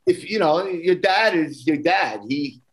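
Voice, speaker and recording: Guy with a brooklyn accent, kinda high voice, earnest podcast guest just chatting, says things twice. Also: animated, a little slow, a bit bright, husky. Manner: earnest, repeats phrases. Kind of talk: casual conversation.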